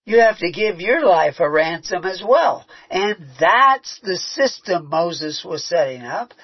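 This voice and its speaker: A man's voice: high voice, big pitch swings, slow pace, husky. A man preaching a sermon, mixing scripture with a conversational personal story and frequent restarts. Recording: muffled, lo-fi recording.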